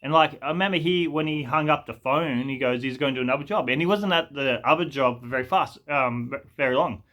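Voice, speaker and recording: Bright-voiced man rambling a story. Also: medium pitch, a little fast. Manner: rambling and hesitant, with lots of fillers and restarts. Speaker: vlogger telling a story. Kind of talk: casual storytime monologue.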